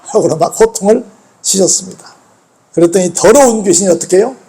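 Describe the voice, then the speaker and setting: High-voiced pastor preaching. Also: male voice, fairly quick, warm tone. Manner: conversational storytelling, rhetorical questions to the congregation. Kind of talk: sermon. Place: church.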